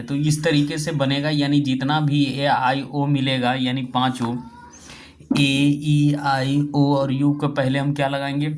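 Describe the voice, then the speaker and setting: A man teaching English grammar, repeating himself and spelling words out letter by letter. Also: medium pitch. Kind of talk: spoken grammar lesson.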